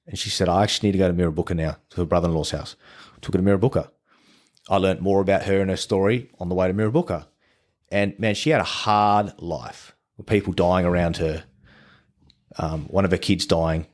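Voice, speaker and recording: Podcast guest: Australian man with a deep voice, casual and profane storyteller, acts out dialogue. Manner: swears freely, animated retelling of conversations.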